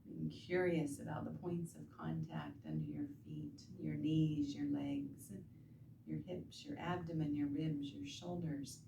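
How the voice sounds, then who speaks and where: A soft-spoken woman instructor leads a guided body-awareness and stretching lesson in a soothing, gentle manner, pausing between short instructions. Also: low voice, lively intonation, vocal fry. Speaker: instructor guiding self-treatment bodywork. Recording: roomy, distant mic with background noise.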